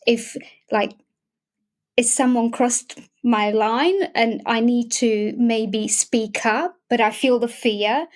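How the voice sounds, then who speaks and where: A young adult woman with a Slovak accent talks in a relaxed interview. She pauses and restarts often, searching for words. Her voice sits a bit high. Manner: hesitant, many restarts and fillers. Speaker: guest, emotional wellbeing facilitator. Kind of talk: casual interview talk.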